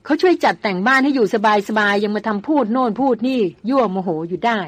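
A woman voicing a spirited young woman doctor who scolds and teases in a quick tongue, in a dry recording. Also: on the high side, no echo, natural voice. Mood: bossy.

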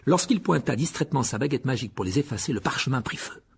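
Raspy guy reading a kids' novel aloud, voice swinging all over. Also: mid-range voice, fast. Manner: expressive storytelling. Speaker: audiobook narrator. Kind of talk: scripted narration.

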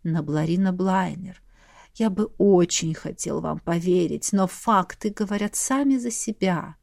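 A woman voicing a calm, polite male clerk who speaks slowly and gently. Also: on the low side, dry recording, studio quality, voice pushed down. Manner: slow, measured and gentle.

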